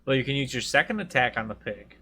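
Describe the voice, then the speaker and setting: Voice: medium pitch, lively intonation, fast talker, sharp tone, breathy edge. A player in a casual tabletop game who jokes and laughs with the group.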